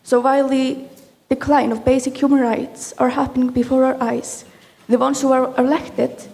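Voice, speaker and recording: Young woman from Iceland, high voice, gravelly edge, earnest questioner, reverberant hall. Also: mellow. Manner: earnest, with fillers and small slips. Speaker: audience questioner. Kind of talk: reading a prepared question at a round table. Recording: long reverb of a large hall.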